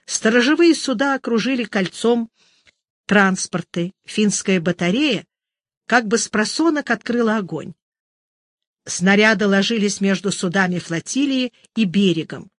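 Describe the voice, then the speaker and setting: Measured literary narrator, dry close sound. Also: mid-range voice, lively intonation, no echo. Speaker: audiobook narrator.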